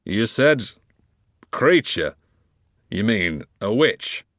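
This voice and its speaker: A man reading aloud plays a drunk, bitter older witch hunter who speaks slowly with a gruff, slurred delivery. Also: fairly low pitch, a bit bright, no echo, clean studio sound. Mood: scornful.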